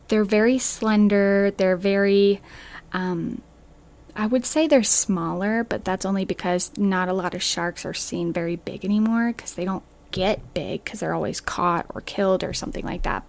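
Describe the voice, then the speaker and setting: Young woman, podcast chat, mid-range pitch, enthusiastic and chatty. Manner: enthusiastic, chatty, filler-heavy.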